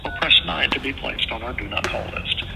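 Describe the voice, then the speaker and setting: A man's recorded voice on an automated phone menu, reading the options in a flat, measured way over a phone call. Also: medium pitch, vocal fry. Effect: recorded phone menu prompt heard over a phone call. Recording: phone speaker audio, reverberant, noisy.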